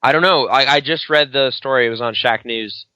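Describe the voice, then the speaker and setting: A man's voice: mid-range voice, a little fast, pushed and bright, clear, resonant tone, no echo. A tipsy man co-hosting a podcast, hesitant and full of ums as he chats casually. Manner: hesitant, lots of ums, mumbling. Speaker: podcast co-host. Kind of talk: casual drunk podcast chat. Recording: dull dry lo-fi mic.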